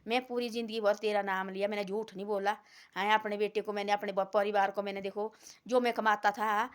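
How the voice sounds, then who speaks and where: A woman's voice: mid-range voice, level tone, a little fast, clean tone, natural voice. Woman doing a humble devout weaver. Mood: earnest. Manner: earnest, humble.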